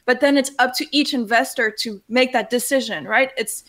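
A woman guest in a casual panel chat, explaining her point with loose, halting phrasing. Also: fairly high pitch, a bit bright.

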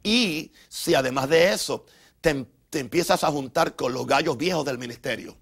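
Stammering Spanish-speaking pastor teaching. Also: male voice, fairly high pitch, moderate pace, gravelly, a bit bright. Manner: conversational, with frequent stammered repeats and fillers. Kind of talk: teaching sermon.

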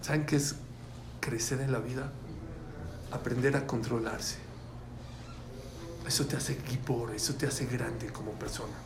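A man's voice: mid-range voice, fairly even intonation, unhurried, pauses often. A man teaching a religious class to students, speaking emphatically, repeating key phrases and putting questions to the class. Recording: echoey room with faint background noise.

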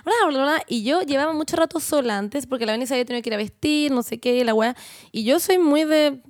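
Rapid high-voiced Chilean woman storyteller. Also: no echo, clean studio sound. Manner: animated, laughing, acts out quotes. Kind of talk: casual storytelling chat.

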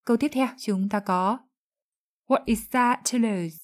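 A woman whose first language is Vietnamese, explaining English phrases in a lesson with calm, careful pronunciation. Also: fairly high pitch, measured pace. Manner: calm, clear, careful enunciation of English examples. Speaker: English teacher.

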